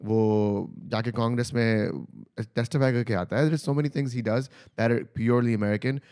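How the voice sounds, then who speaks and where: A man telling personal stories in casual conversation, haltingly, switching between English and Urdu. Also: medium pitch, fairly even intonation, darkish tone. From Pakistani family from Karachi.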